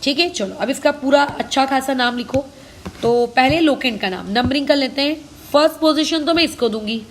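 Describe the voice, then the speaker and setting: High-voiced Indian woman teaching chemistry. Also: moderate pace, a little hiss or hum. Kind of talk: online lesson, working problems aloud.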